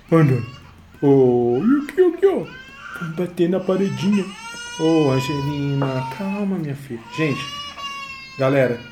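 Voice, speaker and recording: A man's voice: mid-range voice, background noise. A young man commenting on a game for his viewers while soothing his baby daughter, slipping into cooing baby talk between remarks. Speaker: gaming video creator.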